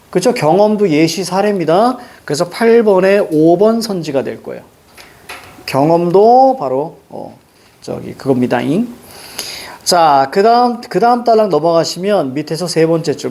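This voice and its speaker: A man's voice: a little high, expressive, a little slow, darkish tone. A middle-aged male teacher lecturing in a classroom, walking students through exam questions and prompting them with tag questions. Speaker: Korean language teacher. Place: classroom with a blackboard.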